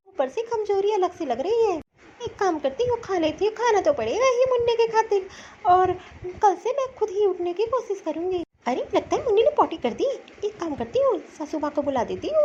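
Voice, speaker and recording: In a slightly dull lo-fi recording with some background noise, a woman voices a weak young new mother in a cartoon story, sore and tired after childbirth. Her very high, fairly quick voice has a darkish tone and big pitch swings as she complains plaintively and self-pityingly.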